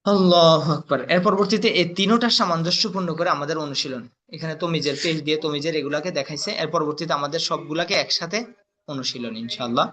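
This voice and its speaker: A young man teaching Quranic letter sounds in a recorded lesson, reciting each sound slowly and deliberately, repeating drills and quizzing the class. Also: a little high, pushed and bright.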